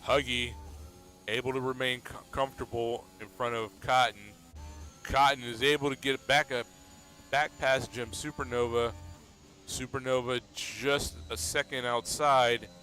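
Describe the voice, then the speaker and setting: A man commentating a sim racing league race in a relaxed, steady play-by-play manner. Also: medium pitch, a little slow, soft background music. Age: adult.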